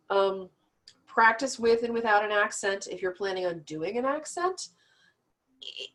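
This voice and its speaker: A woman teaching an online storytelling class in a chatty, practical way, with self-deprecating asides. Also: fairly low pitch.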